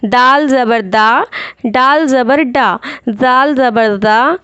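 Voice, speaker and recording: A woman teaching a reading lesson, slowly reciting letters and sounds one by one, then explaining quickly and patiently. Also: high voice, fairly bright tone, clear, resonant tone, no echo, lo-fi sound.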